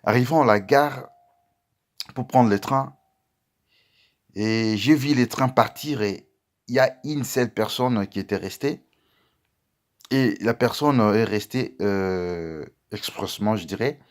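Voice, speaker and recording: A man preaching as a pastor, telling a testimony to his listeners and calling them beloved, with sudden loud outbursts and quiet asides. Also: lowish voice, slow pace, long pauses. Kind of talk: sermon testimony.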